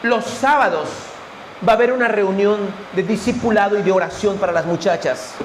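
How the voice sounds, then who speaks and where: A man's voice: sits high, normal speed, a little hiss or hum. A man preaching a fervent sermon at a church service, speaking straight to his congregation. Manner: fervent, directly addressing the congregation as brothers.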